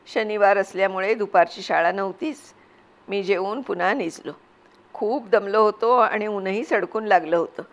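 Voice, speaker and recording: Brief: woman narrator, audiobook reading of a classic novel, measured and expressive. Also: medium pitch.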